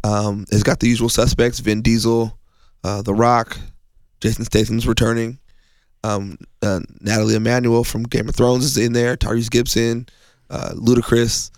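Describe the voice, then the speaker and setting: Gravelly-voiced man getting over a cold. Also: mid-range voice, level tone, normal speed, darkish tone, dry recording. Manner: rambling, laughing, many fillers. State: hoarse from a cold. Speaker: film critic, podcast co-host. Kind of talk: casual podcast chat.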